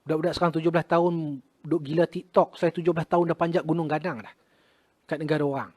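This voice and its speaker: A middle-aged man with a Malaysian Malay accent, a retired army officer telling a personal story with drama, swinging between loud exclamations and hushed murmurs. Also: a little high, little pitch movement, fast.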